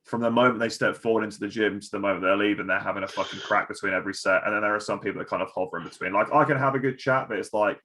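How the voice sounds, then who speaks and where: A man's voice: lowish voice, steady tone, rapid-fire, hardly any pauses, sharp tone. A male podcast host from the UK asking loose, rambling questions and laughing along with his guest. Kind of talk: casual podcast chat.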